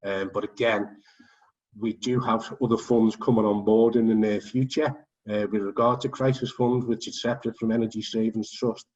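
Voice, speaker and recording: A man with a low voice chairs an online forum over a video call. He talks in a loose, chatty way, full of ums and small jokes. He sits back from the mic, and the sound comes through muffled and dull. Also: level tone, normal speed, a little mellow, far from the mic. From England. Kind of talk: online meeting chat.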